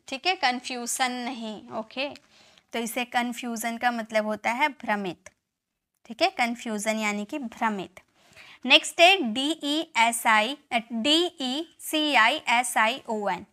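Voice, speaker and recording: A woman's voice: fairly high pitch, slow pace, pushed and bright. A woman teaching English spelling to viewers. She spells words out letter by letter, repeats them, and checks in with the learners often. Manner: addresses viewers directly. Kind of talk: classroom-style spelling lesson.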